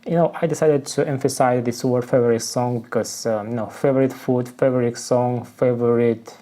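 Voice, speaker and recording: A man with a Russian accent, a native Russian speaker explaining English phrases from song lyrics, searching for words and filling pauses with "you know". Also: mid-range voice, steady tone, dark tone. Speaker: English learning vlogger.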